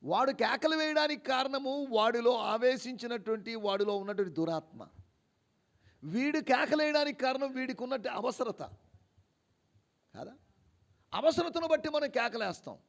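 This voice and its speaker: At a church service, a male pastor delivers an animated sermon in a gravelly voice at normal speed, with long pauses. He throws rhetorical questions at the congregation and shifts between quiet, low asides and loud, emphatic declarations.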